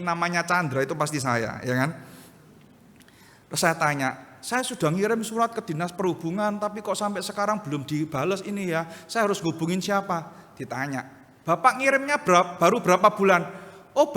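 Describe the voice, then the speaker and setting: A high-voiced man preaches a sermon with an East Javanese accent, his tone bright and animated as he acts out characters in his anecdotes. The sound carries the long reverb of a church hall. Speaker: pastor. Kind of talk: sermon with storytelling.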